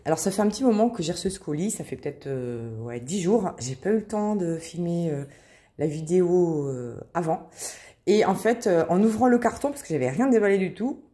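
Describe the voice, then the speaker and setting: Woman craft vlogger, lower voice, chatty, excitable, lots of hesitations. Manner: chatty, filler-heavy, excitable. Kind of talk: casual unboxing chat.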